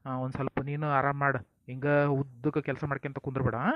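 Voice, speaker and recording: A man's voice: medium pitch, level tone, brisk, no echo. Male comic actor, North Karnataka accent, folksy and scolding in a home skit, dull dry sound. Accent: North Karnataka Kannada. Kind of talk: family comedy skit acting.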